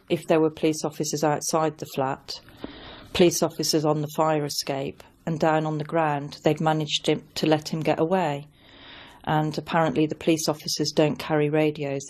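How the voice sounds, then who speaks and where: A woman's voice: deep voice, level tone, normal speed, a little mellow. A woman recounting events as an interviewee.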